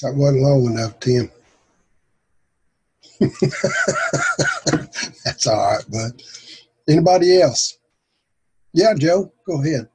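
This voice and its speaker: A man's voice: mid-range voice, slow, pauses often, warm tone, slight background noise. A man leading a casual faith group discussion in a folksy way, calling on people by name. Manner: folksy, calls on speakers by name. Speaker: prayer group leader.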